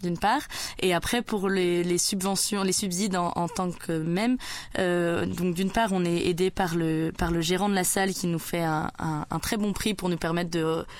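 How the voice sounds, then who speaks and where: A woman talks about the festival she organizes. Her voice sits low and the sound is dry and close. She hesitates, stacks fillers and restarts sentences. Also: steady tone, normal speed, dry recording. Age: 20s. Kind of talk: radio interview guest.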